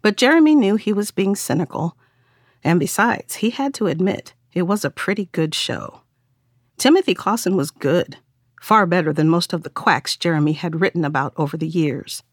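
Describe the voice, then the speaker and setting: A woman reading a novel aloud as narrator, in a wry, measured storytelling manner. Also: lowish voice, lively intonation, no room sound, clean studio sound. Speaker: audiobook narrator. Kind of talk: scripted narration.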